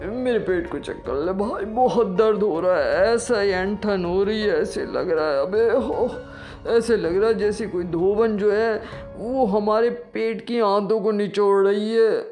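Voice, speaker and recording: A performer voicing a rude, grumpy old man with a stomach ache in a comic audio story, talking gruffly. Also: medium pitch, darkish tone, soft background music, natural voice. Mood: grumbling. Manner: gruff, rude, calls people "abe".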